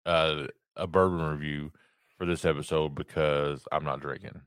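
Male podcast co-host, low register, casual conversational delivery, dry close recording. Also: steady tone, moderate pace, fairly bright tone, clear, resonant tone, no room sound. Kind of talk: casual chat.

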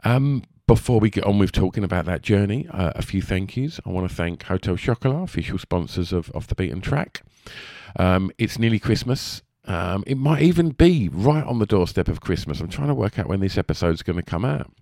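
Male podcast host, low register, Essex twang, lispy, chatty and rambling, close dry recording. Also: expressive, brisk, mellow, no room sound. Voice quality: lisp. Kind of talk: casual podcast introduction.

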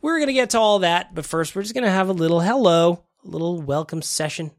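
A man's voice: high-pitched, fast talker, no room sound, clean studio sound. A man hosting a casual sports podcast solo, sounding slightly nasal, phlegmy and congested, talking informally with repeated phrases for emphasis. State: mildly congested with a cold-like illness. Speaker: podcast host. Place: small home basement studio.

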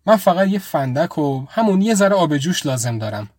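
A man's voice: fairly high pitch, very animated, darkish tone, no echo, clean studio sound. A man voicing a shy, apologetic young woman. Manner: polite, hesitant pleading. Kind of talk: audio story reading.

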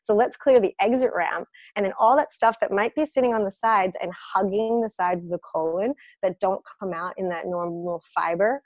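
A woman who grew up in the United States and works as a colon hydrotherapist is interviewed as a guest, explaining her job in a practical, frank way full of fillers. Her voice is medium-pitched and a little mellow, with a moderate pace and few pauses, on a dry recording.

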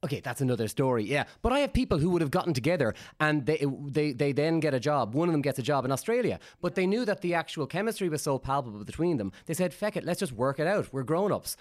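A man's voice: on the high side, very animated, fast talker, few pauses. An Irish man co-hosting a podcast as a matchmaker, chatting casually and acting out his callers in quoted voices. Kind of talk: casual chat.

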